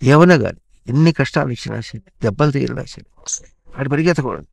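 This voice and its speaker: A man, a spiritual teacher, gently instructing a child through repeated questions. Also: medium pitch, quick pace, vocal fry, husky. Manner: animated, repetitive questioning.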